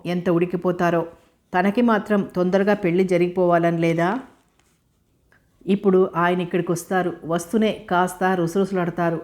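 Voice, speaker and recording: A woman with a lowish voice reads a novel aloud. Her storytelling is calm and even, as scripted audiobook narration.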